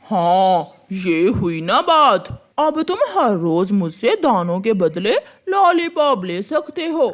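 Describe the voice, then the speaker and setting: A woman voicing a sly, lazy male crow in a Hindi cartoon, with a slow, teasing drawl. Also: mid-range voice, very animated.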